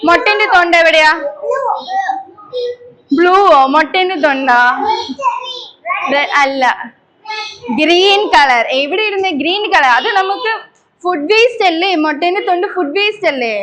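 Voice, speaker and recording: A woman leading young schoolchildren through an environment day class, coaxing them with repeated questions. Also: extremely high pitch. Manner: leads a slow, loud group pledge. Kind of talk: classroom talk to young children. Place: school gathering with children. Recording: noisy school room recording.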